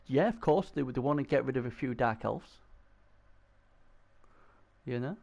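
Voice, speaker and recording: A man giving casual, excitable commentary on a video game match, often repeating himself. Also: mid-range voice, measured pace, gravelly, dull audio.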